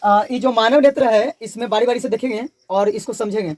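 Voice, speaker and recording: A man with a Bihari Hindi accent teaches a physics class. He says each term, asks what it is called, and repeats it in a steady call-and-response drill. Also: extremely high pitch, a little fast.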